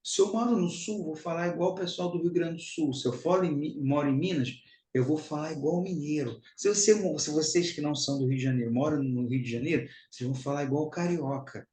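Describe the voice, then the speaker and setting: A man's voice: a little high, a little fast, mellow, echoey room, low-quality recording. A Brazilian man giving a spiritual teaching talk, emphatic and repetitive, calling his listeners brothers and sisters.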